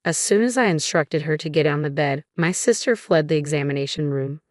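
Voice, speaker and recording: A woman narrating a first-person revenge story in a measured, scripted way. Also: sits low, animated, no room sound, studio quality.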